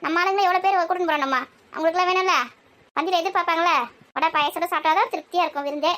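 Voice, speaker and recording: This woman's voice is very high, steady, and a touch bright. She plays a nagging, scolding village housewife in fast back-and-forth family banter.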